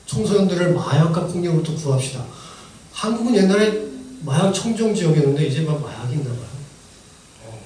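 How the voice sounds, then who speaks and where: A man giving a church testimony as a missionary, telling his story with strong emotion that rises and falls. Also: on the high side. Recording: echoey church hall from far off, faint noise.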